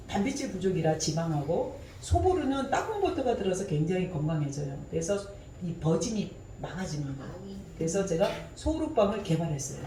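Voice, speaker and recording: A woman's voice: fairly low pitch, dark tone, echoey room, distant mic, a little hiss or hum, low-quality recording. A woman giving a personal testimony during a church service, telling her story vividly and often laughing.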